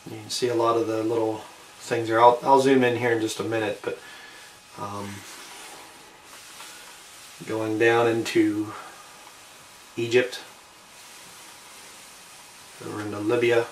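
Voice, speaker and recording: An amateur filmmaker displays a collectible for the camera in a level, medium-pitched voice. He speaks slowly and haltingly, trailing off between short phrases, and the distant mic leaves an echoey room sound with faint background noise.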